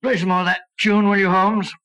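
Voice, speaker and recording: An actor playing a fussy, loyal, nervous older doctor in 1940s radio style, with a British accent and blustering, hesitant speech. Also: male voice, high voice, little pitch movement, brisk, bright, forceful tone. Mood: reassuring. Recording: vintage 1940s radio drama recording.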